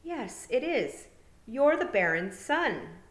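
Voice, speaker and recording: A woman's voice: a little high, sing-song, takes it slowly, echoey room, pitched above the performer's own voice. A woman voicing a brave, stubborn young girl heroine, earnest and determined. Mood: insistent.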